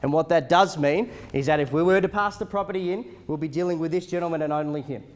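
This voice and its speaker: A man's voice: a little high, quick pace. An Australian man working as an auctioneer, calling a property auction in a projected, repetitive salesman's delivery. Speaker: auctioneer in a competition. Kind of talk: live property auction calling, loud rapid bid chant.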